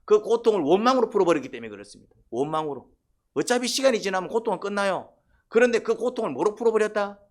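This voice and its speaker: A man's voice: sits high, lively intonation, fast. A man preaching a sermon, constantly prompting the congregation with questions and short "eh?" calls. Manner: quizzes the congregation, repeated "eh?" prompts. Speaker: pastor.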